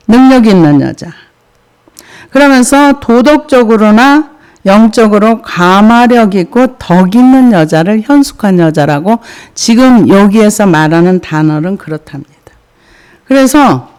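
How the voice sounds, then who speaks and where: A woman pastor giving a conversational sermon, asking rhetorical questions and pausing on fillers. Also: mid-range voice, a little mellow, smooth.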